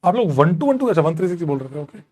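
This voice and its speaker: A man's voice: fairly high pitch, sing-song, very fast, darkish tone. A man teaching a live chemistry class, mixing English into his talk, counting atom numbers aloud and teasing and scolding students while he reads out and answers their questions. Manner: Hindi-English mix, scolds students jokingly.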